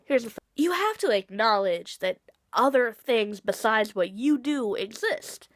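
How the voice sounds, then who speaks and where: Animated high-voiced woman vlogger with a cold. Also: unhurried, dry recording, clean studio sound. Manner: animated, sarcastic, swears freely. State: has a cold, sniffly. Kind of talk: casual rambling rant.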